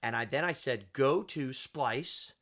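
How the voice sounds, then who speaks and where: A man, a music producer guest, telling stories in a relaxed podcast chat and acting out quoted voices. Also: medium pitch, slow. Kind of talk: casual podcast conversation.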